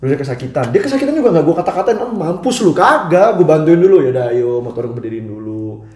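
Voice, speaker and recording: A young man telling a story in casual chat, animated and acting out what others said, with frequent restarts. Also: fairly high pitch, fast. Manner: animated, acts out quoted voices, frequent restarts. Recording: echoey room.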